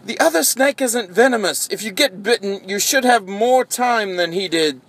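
A man's voice: lively intonation, moderate pace, fairly bright tone, exaggerated voice. A man voicing a frazzled, anxious female lab worker who speaks in a tense, urgent way. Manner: tense, urgent, high-strung.

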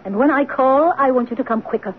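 A woman's voice: high voice, quick pace, lightly acted. A woman playing a cold, imperious stepmother. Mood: domineering. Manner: crisp, imperious, clipped. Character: cold, domineering young stepmother. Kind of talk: 1940s radio acting. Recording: tinny old radio broadcast with hiss.

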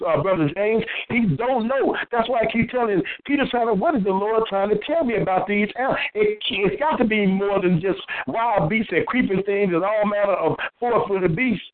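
High-voiced guy on a tinny phone line, keeps cutting in with "wait a minute" and "uh-huh". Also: normal speed, few pauses. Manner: interjects often with affirmations and questions. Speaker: co-host of a Bible show. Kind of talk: call-and-response Bible study.

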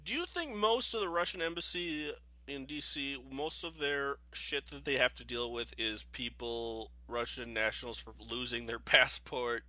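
A man's voice: mid-range voice, normal speed, pushed and bright, no room sound. A man co-hosting a casual podcast, talking loosely with lots of likes and the odd swear word. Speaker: podcast co-host. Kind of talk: casual chat.

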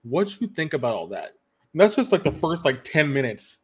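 A man's voice: on the high side, sing-song, normal speed, fairly bright tone, husky. A man hosting a casual podcast, eagerly retelling anime scenes and quoting characters as he goes. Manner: retells scenes with quoted lines, many restarts. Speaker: podcast host. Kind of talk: casual anime review chat.

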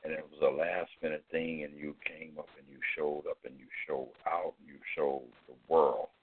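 A man hosting a live show, talking in a warm, playful way with stammering restarts. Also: a bass voice, flat delivery, normal speed, slightly rough. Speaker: radio show host. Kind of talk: casual live show chat. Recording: phone-line sound.

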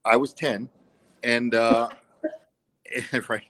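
A man's voice: mid-range voice, steady tone, very slow, a bit bright, low-quality recording. A man, a singer, guesting on a radio show and telling stories about his career with light jokes. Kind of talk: casual interview.

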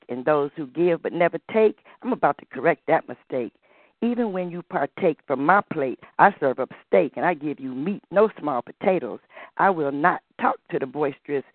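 A woman's voice: low voice, no echo. A woman calling in to a show and performing, with a theatrical, campy, queenly manner. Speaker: caller and spoken-word performer. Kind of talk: phone-in chat and spoken-word performance. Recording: muffled dry phone-line audio.

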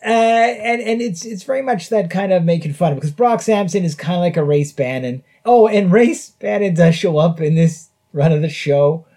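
A man's voice: high voice, moderate pace, hardly any pauses, dark tone. A man hosting a podcast, reviewing a show in casual chat and chuckling often between phrases. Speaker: podcast host. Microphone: podcast mic.

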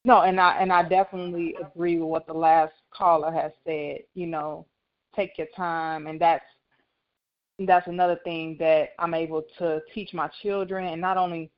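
A woman speaking earnestly and thoughtfully on a radio call-in show over a clipped phone line. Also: low-pitched. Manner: reflective, earnest, with some restarts.

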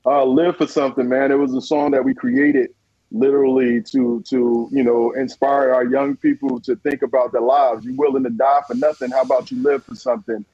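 A man's voice: mid-range voice, level tone, moderate pace, warm tone, slightly rough, dry recording. A man from New Jersey, a community leader speaking earnestly in a radio interview, often repeating words and saying "you know". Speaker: guest, community leader and victim advocate. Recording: muffled lo-fi line.

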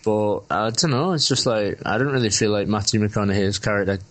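A man's voice: fairly low pitch, a little fast. A rambling, sweary man co-hosting a casual film review chat. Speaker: podcast co-host.

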